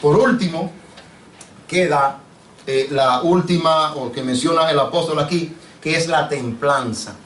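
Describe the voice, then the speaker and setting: Un pastor predicando con acento caribeño a su congregación, con preguntas frecuentes y tratándolos de hermanos. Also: male voice, fairly high pitch, a little slow, a bit bright. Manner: preachy, asks the congregation questions, addresses them as brother. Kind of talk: sermon. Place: church sanctuary. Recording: echoey church, mic off at a distance.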